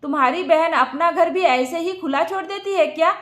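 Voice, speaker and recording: A woman voicing an angry, sharp-tongued young wife who shouts accusations. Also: very high-pitched, moderate pace, echoey room.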